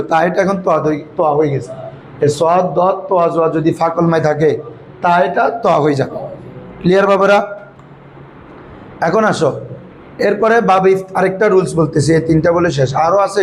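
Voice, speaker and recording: High-voiced man teaching grammar to students. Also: slight background noise, low-quality recording. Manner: questioning students, calls them "baba"; recites Quranic verses slowly. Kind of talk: classroom lesson.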